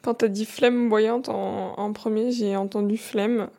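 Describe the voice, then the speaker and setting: A woman with a mid-pitched voice co-hosts a podcast. She chats casually and jokes playfully with the others. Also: steady tone, measured pace, gravelly, mellow. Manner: playful, joking. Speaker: podcast co-host. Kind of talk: casual chat.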